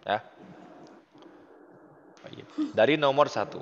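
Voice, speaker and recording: A man's voice: medium pitch, slow, a little hiss or hum. Indonesian male Arabic tutor, patient and encouraging, muffled reverberant audio. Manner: patient, encouraging, praises often. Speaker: Arabic teacher. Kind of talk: casual online tutoring lesson.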